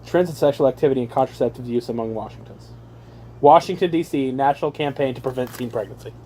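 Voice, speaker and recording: Fast and dark in tone, a young man's mid-range voice reads aloud to his brothers on a noisy home recording. The reading is jokey and mock-earnest, with swearing and casual asides.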